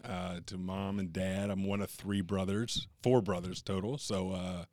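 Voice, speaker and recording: An earnest man from Kentucky, interviewed as a podcast guest, speaks openly and steadily about his life. His voice sits low, and the recording is dry and close with no room sound. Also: level tone, measured pace, darkish tone, dry recording. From US Midwest, Kentucky. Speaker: guest, entrepreneur. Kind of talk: candid interview storytelling.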